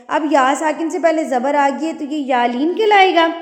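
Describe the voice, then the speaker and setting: A woman teaching Quran recitation rules, patiently explaining each point. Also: sits high. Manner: explains patiently, then recites slowly and drawn out. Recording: echoey room with long reverb.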